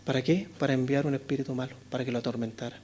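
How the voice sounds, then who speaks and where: Slight background noise surrounds a Chilean-accented pastor as he races through an expository sermon in a church chapel, his medium-pitched voice steady in tone. He asks rhetorical questions, regularly adds "¿no es cierto?", and moves between loud and hushed delivery.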